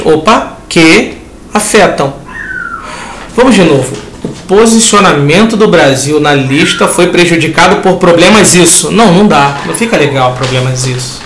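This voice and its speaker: Lively Brazilian teacher in an echoey room. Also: male voice, high-pitched, a little hiss or hum. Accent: Brazilian Portuguese. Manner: lively, talks the class through each step, plays out students' questions. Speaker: Portuguese teacher. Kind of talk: exam answer review lesson.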